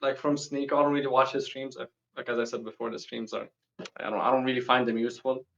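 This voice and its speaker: A man's voice: mid-range voice, flat delivery, vocal fry, fairly bright tone. Young man talking casually on a lo-fi call. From born and raised in the UAE, Palestinian. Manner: casual, slangy, quick bursts. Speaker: guest speaking from Gaza. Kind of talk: casual video call interview.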